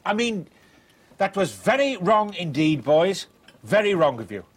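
A woman's voice: fairly low pitch, very animated, unhurried, background noise. A woman playing a scolding mother who reproaches her boys in film dialogue. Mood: stern scolding.

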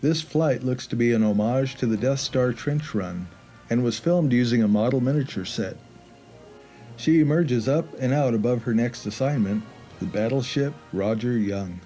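A man's voice: medium pitch, normal speed, warm tone, faint music behind, low-quality recording. A man reading scripted narration as the narrator of a film recap.

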